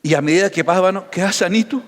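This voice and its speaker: Pastor preaching in an echoing hall. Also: male voice, high-pitched, very fast. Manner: animated storytelling with acted dialogue. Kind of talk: sermon.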